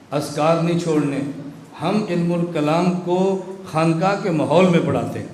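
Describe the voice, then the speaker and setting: A man delivers a sermon-style lecture, often pausing to quiz his listeners. His voice sits fairly high. It rings in an echoey room with a faint hiss of noise. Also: darkish tone. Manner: rhetorical, keeps asking the audience to answer. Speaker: religious scholar lecturing students.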